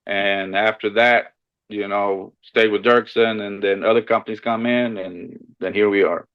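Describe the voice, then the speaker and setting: A man from Costa Rica, a guest on a podcast, telling his story in a relaxed, friendly way with short answers and small restarts. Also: on the low side, moderate pace, clean tone, dull audio. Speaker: shed hauling business owner, podcast guest. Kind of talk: casual interview chat.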